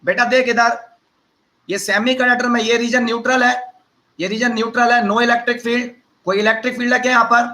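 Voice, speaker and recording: A man's voice: extremely high pitch, flat delivery, brisk, pushed and bright, low-quality recording. A man teaching a physics class in a chatty, teasing way, asking his students questions and then answering them himself. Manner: teasing, conversational, addresses students as beta and bhaiya.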